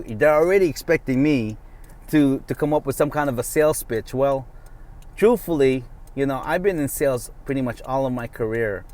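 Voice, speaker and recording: Recording his vlog while driving, a middle-aged man with Tagalog as his first language speaks in a mid-range, slightly mellow voice. The talk is casual and unscripted, wandering along with plenty of fillers.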